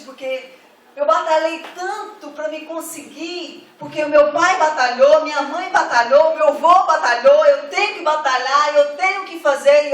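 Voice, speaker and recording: A woman's voice: high voice, a little hiss or hum. A middle-aged woman pastor, preaching a fervent sermon that rises to emphatic calls to the congregation. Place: church hall. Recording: echoey hall from far off.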